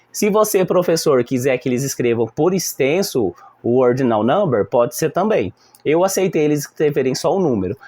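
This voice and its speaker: A man with a Brazilian Portuguese accent, a teacher explaining a lesson plan to other teachers and acting out how the class talks back. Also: a little high. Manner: animated, acting out classroom exchanges. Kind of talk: instructional talk to fellow teachers.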